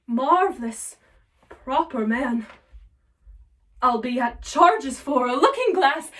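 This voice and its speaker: A woman's voice: sits high, a bit bright, heavily acted. A woman performing a Shakespearean soliloquy as a scheming, self-mocking male villain, theatrical and emphatic. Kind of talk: classical Shakespearean stage soliloquy. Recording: voice distant from the mic.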